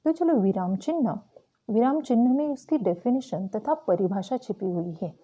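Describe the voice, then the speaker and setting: A woman teacher explaining a Hindi grammar lesson slowly and carefully to school students. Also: a little high, lively intonation, mellow, slightly rough. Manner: slow, careful explaining with frequent "tो चलो".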